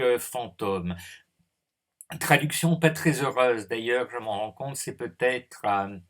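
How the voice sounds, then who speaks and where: A male philosophy teacher talks at a slow, unhurried pace through a recorded lecture. He hesitates often and thinks aloud, and his pitch sits in an ordinary middle range. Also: fairly bright tone.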